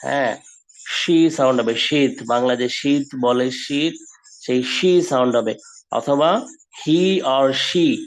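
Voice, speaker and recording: A man's voice: mid-range voice, poor audio. A man teaching an online Quran lesson for children, stretching out model pronunciations of Arabic letters.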